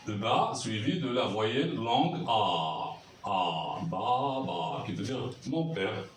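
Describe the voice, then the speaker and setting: Guy teaching slow and patient, lively up and down voice, echoey room, mic kinda far. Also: medium pitch. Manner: patient, repeats sounds slowly, checks with "d'accord?". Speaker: Arabic teacher. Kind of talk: classroom lesson at a board. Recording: roomy echo, mic far off, faint noise.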